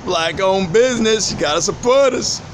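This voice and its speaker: This older vlogger has a high-pitched voice with lively intonation and talks at a normal speed over slight background noise. Holding his phone camera at arm's length, he chats in a casual, upbeat, plain way, first inside a small, roomy restaurant with music behind him and then out on the street.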